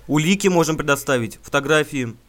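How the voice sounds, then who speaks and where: Deadpan man making a prank call. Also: a little high, fairly quick. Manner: deadpan, mock-earnest and stammering. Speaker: prank caller.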